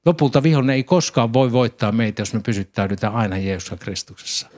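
A man preaching a sermon, calmly explaining scripture and reading passages aloud. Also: medium pitch.

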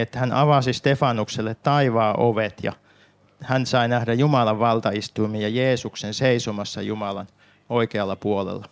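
A man with a gravelly, creaky voice at a middle pitch preaches from the Bible. He talks in a calm, explanatory way and turns to his listeners as he works through the passage.

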